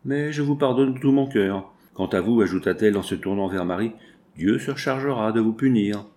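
A man's voice: fairly low pitch, fairly quick, a little mellow, lightly acted. A man voicing a proud, defiant young woman seamstress, pleading with passion as he reads a novel aloud. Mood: indignant. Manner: impassioned, indignant pleading.

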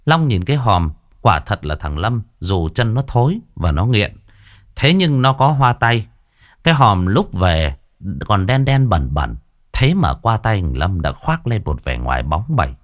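Male storyteller, colloquial horror narration; low voice with lively pitch. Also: a little slow.

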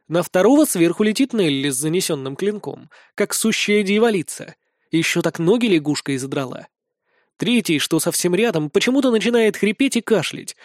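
A man narrates a fantasy adventure in the first person, brisk and wry in his telling. His voice is fairly high for a man, and the recording is dry and close with no room echo. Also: a little mellow. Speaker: audiobook narrator.

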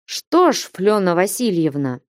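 A shy, downcast young village man from a storybook mutters his answers low and reluctantly, as a woman reader drops her voice for him. He sighs and holds back. The sound is close and dry. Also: very animated, unhurried, dry recording. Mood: glum.

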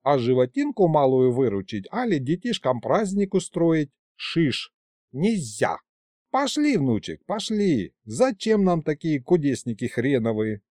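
A man's voice: on the high side, very animated, a little slow, a little mellow, dry recording, studio quality. A man doing a cranky folksy old grandpa. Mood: grumbling. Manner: rustic folksy speech, grumbling.

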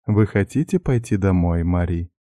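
A man voicing a gentle male investigator who speaks in a soft, ingratiating, monotonous way. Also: low voice, moderate pace, no echo, clean studio sound, lightly acted. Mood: soothing coaxing. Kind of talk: audiobook character voice.

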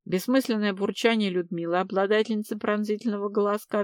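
A woman's voice: mid-range voice, dry recording. Woman narrating an audiobook, dry and close. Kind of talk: first-person audiobook narration.

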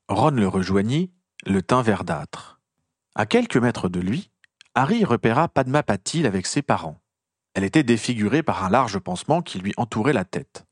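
Male narrator, lively expressive read, dry close-miked sound. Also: medium pitch, no room sound. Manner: expressive storytelling with lively intonation. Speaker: reader. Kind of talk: audiobook reading of fan fiction.

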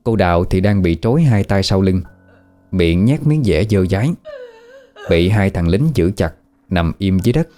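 Deep, dark-voiced male storyteller. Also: animated, normal speed, faint music behind. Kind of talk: scripted horror story narration.

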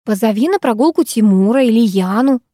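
A woman's voice: a little high, brisk, dry recording, studio quality. A woman reading an audiobook aloud, voicing a worried mother who coaxes her teenage daughters. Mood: coaxing. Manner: calm, coaxing, then pleading.

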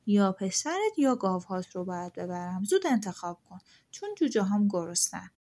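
A woman's voice: mid-range voice, sing-song, a little mellow. A woman voicing a fierce giant talking bird. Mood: commanding. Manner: commanding, curt demands.

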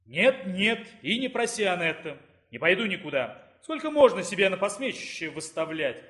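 A man reading the part of a weary, stubborn male dean of a dark faculty in an audiobook, grumbling and bitter. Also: high-pitched, very animated, moderate pace.

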